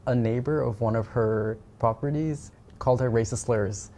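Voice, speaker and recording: A man being interviewed, reflecting on personal experiences in measured phrases with pauses mid-thought. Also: medium pitch, warm tone. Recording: noticeable ambient background noise.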